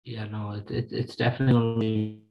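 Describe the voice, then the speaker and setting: A man's voice: fairly low pitch, little pitch movement, fast, dull audio, soft background music. An Irish man hosting a sports show in a casual panel-chat style.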